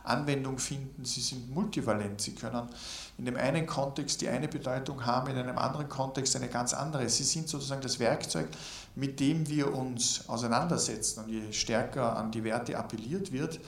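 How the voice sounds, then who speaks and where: A man giving a reflective spoken lecture, measured and deliberate, building his points in long lists. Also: medium pitch, steady tone.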